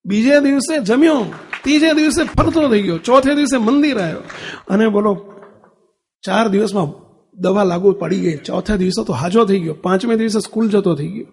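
A man's voice: high voice, expressive, moderate pace, darkish tone, breathy edge, long reverb tail. A man giving a sermon, telling a family story and putting questions to the listeners. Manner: acts out family dialogue, asks audience questions. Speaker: religious speaker.

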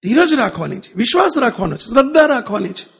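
A man's voice: very high-pitched, big pitch swings, quick pace, vocal fry, a bit bright, husky, in a large hall. A man giving a sermon, telling a family story and putting questions to the listeners. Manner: acts out family dialogue, asks audience questions. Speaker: religious speaker.

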